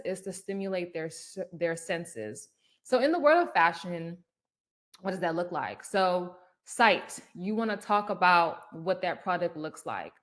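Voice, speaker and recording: A woman leads a workshop in a relaxed, conversational way, dropping in little asides as she explains. Her voice sits a touch low for a woman. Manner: conversational, uses fillers and asides, lively quoted voices. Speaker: branding workshop presenter. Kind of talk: casual instructional talk.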